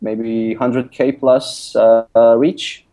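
A young man from Lithuania, an app designer and author, speaks English as a non-native speaker while guesting on an interview, recording remotely from abroad. His mid-range voice is mellow with little pitch movement, very slow, and full of fillers and restarts.

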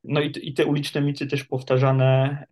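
A man, an addiction therapist, answering interview questions in a measured, reflective way with many hesitations. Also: mid-range voice, monotone, a little mellow. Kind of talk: interview guest.

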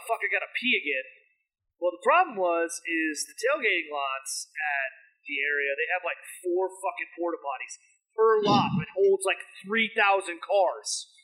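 A man's voice: high voice, a bit bright, poor audio. A man hosting a casual podcast, telling a rambling, profane story with lots of fillers. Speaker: podcast host.

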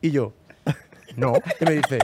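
A man's voice: mid-range voice, unhurried, very noisy. A young man with a Spain Spanish accent telling a story in casual podcast chat, acting out the lines of the people in it and laughing often. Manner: animated, acts out quoted dialogue, laughs often. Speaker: podcast host.

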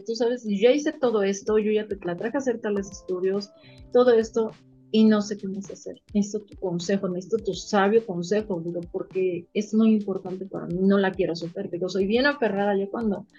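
A woman with a Mexican accent, a veterinarian guest in an interview, telling her stories in an animated, emotional way. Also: mid-range voice, highs cut off. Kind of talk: casual interview storytelling.

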